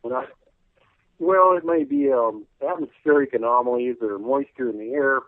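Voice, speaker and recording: A man calling in as a radio guest, rambling folksily with lots of "you know," clearing his throat as his voice wears out. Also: mid-range voice, moderate pace, no room sound. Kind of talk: casual call-in radio interview. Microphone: telephone. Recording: tinny phone line.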